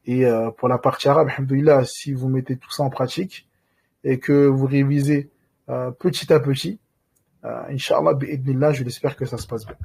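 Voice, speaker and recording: A man teaching reading in a recorded lesson, patiently walking through each point and slowly stretching out sounds to model how they are said. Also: medium pitch, fairly even intonation, vocal fry, a little mellow, slightly rough.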